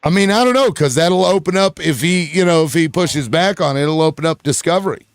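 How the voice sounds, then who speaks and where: A man hosting a casual political panel, talking in halting starts and reading news reports aloud. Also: on the high side, no echo, studio quality. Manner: halting, looks things up and reads aloud. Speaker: host of a panel show. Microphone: online audio call.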